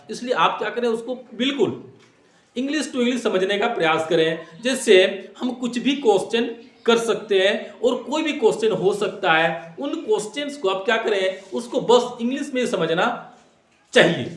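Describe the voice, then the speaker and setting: A man's voice: sits high, a bit bright. A man teaching exam tips in a classroom style, repeating points and asking rhetorical questions while mixing in English phrases. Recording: echoey room.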